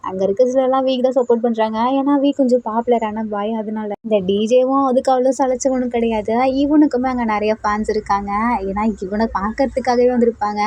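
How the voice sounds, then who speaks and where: A woman casually retelling a fan-fiction story, lively, with many rhetorical questions. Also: fairly high pitch, fairly quick, hardly any pauses, dry recording.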